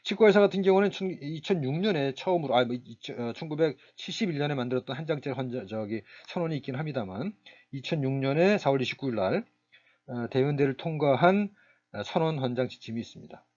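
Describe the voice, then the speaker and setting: Halting male lecturer, slightly dull sound. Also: mid-range voice, expressive, darkish tone. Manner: halting, many fillers and restarts. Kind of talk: recorded university lecture.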